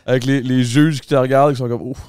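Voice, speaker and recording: A man's voice: medium pitch, steady tone, fast talker, darkish tone, clear, resonant tone, no echo, studio quality. A young man with a Québécois accent hosting a casual podcast, hyped and mixing English slang into his French. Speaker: podcast host.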